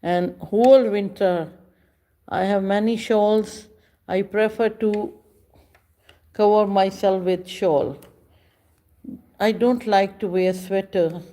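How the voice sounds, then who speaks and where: A woman hosts a casual livestream chat. She speaks very slowly, pausing often between short phrases. Her voice sits at an ordinary middle pitch. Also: fairly even intonation, dark tone. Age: 50s. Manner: slow, halting speech with frequent pauses. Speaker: livestream host. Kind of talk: casual live chat with viewers.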